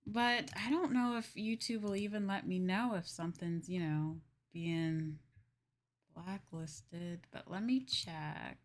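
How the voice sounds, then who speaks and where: A woman streams a farming game live, chatting casually to viewers and rambling as she thinks aloud. Her voice is fairly low and her pace is slow.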